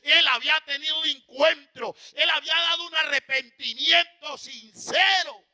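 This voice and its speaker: Male preacher, high bright voice, impassioned, loud-to-hushed sermon delivery. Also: moderate pace.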